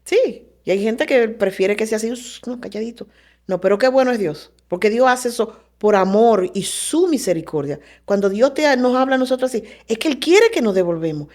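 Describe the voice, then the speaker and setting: A woman's voice: on the high side, brisk, few pauses. Fervent woman sharing a faith testimony. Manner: animated storytelling, acting out quoted voices; preacherly and fervent. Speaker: guest.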